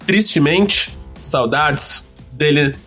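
A man's voice: fairly high pitch, animated, drawn-out words, a bit bright, husky, soft background music. A Brazilian man hosting a podcast in casual, chatty style from home. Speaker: podcast host. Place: remote recording from home.

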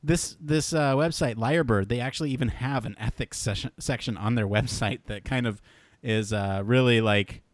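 A young man co-hosting a podcast in casual chat, animated and rambling with restarts. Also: mid-range voice, normal speed, no echo. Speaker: podcast co-host.

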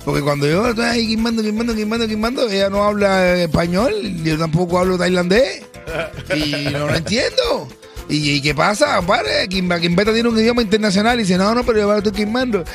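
A man telling a joke on a radio show, animated and acting out characters. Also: high voice, fairly quick, soft background music. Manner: animated storyteller, acts out characters. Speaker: radio co-host.

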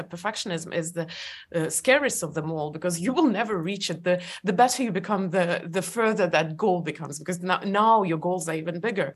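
A woman's voice: medium pitch, slightly rough. A woman with a manner, an author and coach reflecting in conversation, laughing often and restarting phrases. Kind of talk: conversational interview.

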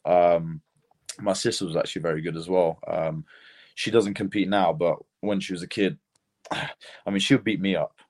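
A man's voice: low voice, steady tone, normal speed. A young man from Lithuania with a British accent, a fighter telling his story in a casual podcast interview, rambling and laid-back with lots of fillers. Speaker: mixed martial arts fighter, guest.

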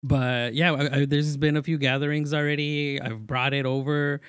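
A man's voice: a little high, flat delivery, normal speed, fairly bright tone, smooth, dry recording, studio quality. A man from Mexico chatting casually as a podcast guest, telling personal stories informally with slang and quoting himself. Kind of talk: casual chat and personal storytelling.

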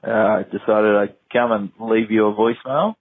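A man's voice: fairly low pitch, steady tone, normal speed, no echo. A tipsy man with an Australian accent leaving a rambling, laid-back voicemail over a landline phone. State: tipsy after many beers. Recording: tinny phone-line voicemail.

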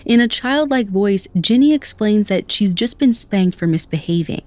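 A woman telling a true story as a podcast narrator, in a measured scripted delivery. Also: medium pitch, expressive, darkish tone, dry recording.

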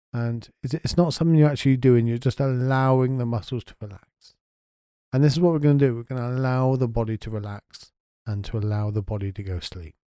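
A man leads a guided sleep meditation in a soft, unhurried voice. His tone is deeply mellow and warm. The sound is dry and close. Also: clear, resonant tone, no echo. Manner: soft, slow and soothing.

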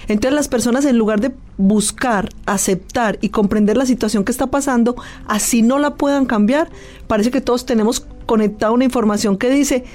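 A woman's voice: on the high side, a little fast, a little mellow. A woman from Colombia, a guest expert, explaining things in an earnest, lecturing way in a studio. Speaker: guest, clinical hypnosis expert. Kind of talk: explanatory interview talk. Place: studio booth.

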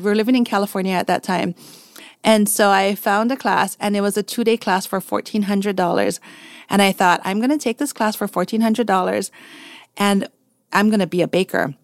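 Chatty woman in her forties, crisp dry sound. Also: mid-range voice, moderate pace, no echo. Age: 40s. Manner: chatty and animated, laughs often, acts out past conversations. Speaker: podcast guest, portrait photographer. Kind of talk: casual interview storytelling.

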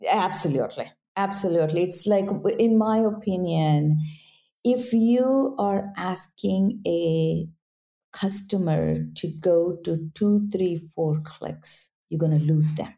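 A woman speaks English with a non-native accent as a casual interview guest, earnestly repeating "right?" to check in. Her voice is on the low side and dark, and she talks at a slow pace.

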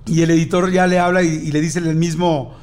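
A man with a notably high voice and a Mexican accent tells a story in relaxed conversation. He acts out other people's lines as he goes, and the telling stays animated throughout. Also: brisk. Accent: Mexican Spanish. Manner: animated anecdote-telling, acting out dialogue. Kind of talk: casual chat.

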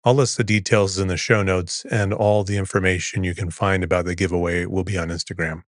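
A man with a soothing, calm and unhurried delivery, reading scripted narration as a podcast host. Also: sits low, no echo, clean studio sound.

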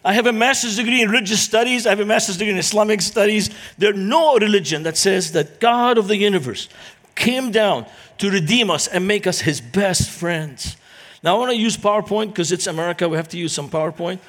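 Guest preacher, higher-pitched man, earnest with jokes. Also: brisk, fairly bright tone. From Lebanon. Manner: humorous, storytelling, earnest. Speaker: guest speaker. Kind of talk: church talk to a congregation.

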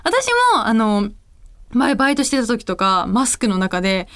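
A woman voice actress hosting a casual solo radio show, telling stories in an animated, chatty way. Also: fairly high pitch, moderate pace.

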